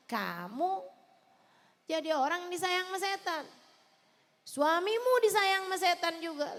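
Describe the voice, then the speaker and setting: A woman preacher, delivering an impassioned sermon straight to wives, moving between loud emphasis and soft pleading. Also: very high voice, in a large hall. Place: large hall at a religious celebration.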